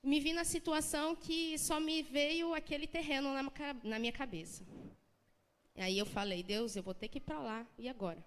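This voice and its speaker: A young Brazilian woman from the São Paulo coast, speaking Portuguese with a local accent, gives an earnest, emotional personal testimony in church. Her voice is high and her pace normal, and she talks conversationally with many restarts. A long church-hall reverb surrounds her.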